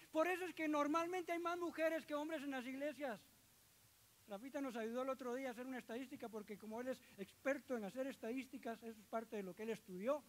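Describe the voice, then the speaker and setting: High-voiced preacher. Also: male voice, fairly quick. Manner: lively, joking with the congregation, acting out quoted voices. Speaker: church elder preaching. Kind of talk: sermon.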